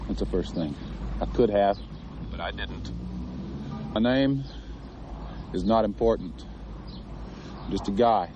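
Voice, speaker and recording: An actor playing a middle-aged male war veteran who speaks in a low, measured, plainspoken way. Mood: calm, resolute. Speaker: veteran occupying a park. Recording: film clip with street noise.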